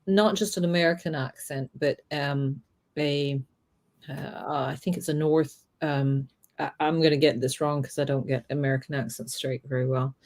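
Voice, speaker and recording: Co-hosting a laid-back review podcast, this woman speaks low and darkish, keeping her intonation fairly even at an ordinary pace. Her talk wanders, packed with fillers while she searches for the right words.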